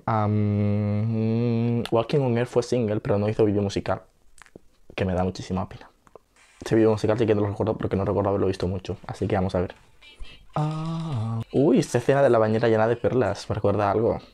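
A young man with a Spain Spanish accent reacts to videos in chatty commentary, occasionally letting out high squeals and gasps. His tone is dark.

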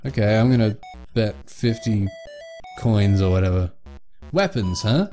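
A man plays a video game on camera and talks through it in casual commentary. His mellow, dark voice keeps breaking into exasperated, swearing outbursts. Faint game music runs underneath. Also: lowish voice, expressive, unhurried. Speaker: let's play host.

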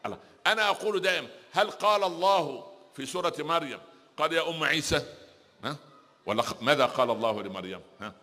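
Fast, bright-voiced Egyptian preacher in a hall. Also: male voice, a little high. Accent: Egyptian Arabic. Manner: lively storyteller, rhetorical questions to the audience. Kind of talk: religious lecture with humorous anecdotes. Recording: long hall reverb.

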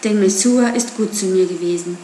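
A woman's voice: mid-range voice, normal speed, dark tone, roomy sound, a little hiss or hum, natural voice. A woman voicing a defiant wild boy raised by wolves, scornful and taunting. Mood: resolute.

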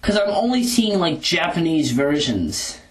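This rough recording catches a video blogger talking into a handheld recorder that keeps moving back and forth. The medium-pitched voice swings widely in pitch at a measured pace, rambling informally with hesitations and self-corrections.

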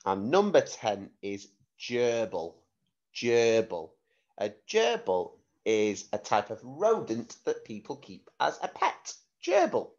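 A man reads out a school spelling dictation at a slow, careful pace. His mid-pitched voice is very lively in intonation as he repeats and spells out words like a primary teacher. The recording is slightly dull and lo-fi. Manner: deliberate, repeats words and spells them out letter by letter.

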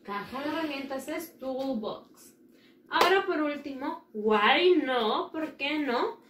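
A woman teaches children English words, saying each one again and again. She speaks slowly in a somewhat high voice. The recording has a roomy echo and a faint background hum. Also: lively intonation, recorded from a distance. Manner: drills words slowly with repeated pronunciation. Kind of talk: remote English vocabulary lesson for children.

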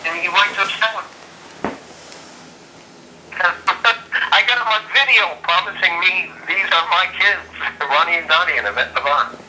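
A man's voice: high-pitched, unhurried, pauses often, sharp tone, a little hiss or hum. A man on a speakerphone call, a joking, rambling storyteller chatting casually with friends. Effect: heard over a speakerphone. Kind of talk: casual phone chat. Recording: echoey speakerphone audio.

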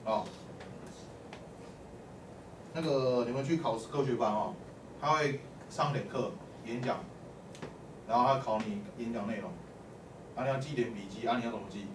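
A man with a mid-range voice teaches math at a moderate pace, pausing often. His lecture is full of questions for the class, punctuated by "lai" and "o" calls for answers. It was recorded from a distance in an echoey classroom with a faint hum.

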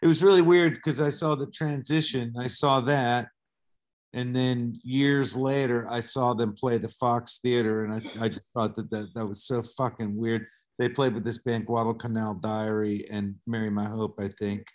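A middle-aged man from the southern United States is a guest on a video call, telling stories in a laid-back, casual interview style and swearing offhandedly. His mid-range voice holds a steady tone at a normal speed.

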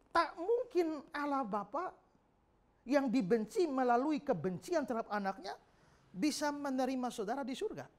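A middle-aged man, a pastor, giving an emphatic Bible teaching and acting out quoted speech. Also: very high voice.

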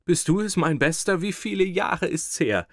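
A man voicing a hearty, well-fed old friend in an audiobook, calling out with booming delight. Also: sing-song, slow, gravelly, bright, forceful tone, slightly rough, dry recording, studio quality, exaggerated voice. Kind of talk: audiobook character reading.

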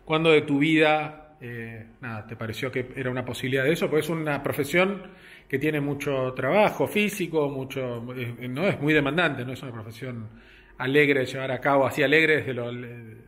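A man's voice: mid-range voice, normal speed, a bit bright. A man interviewing a chef in a Rioplatense Spanish accent, chatty and playful, often laughing between questions. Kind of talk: conversational interview.

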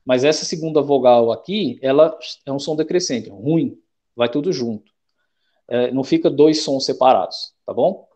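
A young man with a Brazilian Portuguese accent, teaching an online class in a relaxed, chatty way that keeps checking in with the students. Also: mid-range voice, moderate pace. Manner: relaxed, chatty, checks in often with slangy rhymes.

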